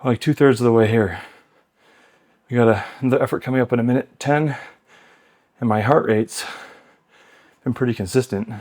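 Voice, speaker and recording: A man's voice: medium pitch, moderate pace, long pauses, darkish tone. Breathless man coaching on a bike. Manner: chatty, loose, rambling between cues. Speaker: workout host. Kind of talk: casual coaching while cycling. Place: home exercise bike.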